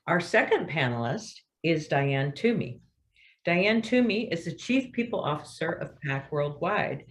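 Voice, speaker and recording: A woman moderating a panel, reading out the speakers' biographies in a measured way. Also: deep voice, rough recording.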